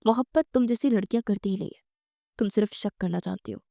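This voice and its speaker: A woman reading the lines of a scheming young husband with a flat, cold delivery. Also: medium pitch, vocal fry, dry recording, clean studio sound, natural voice.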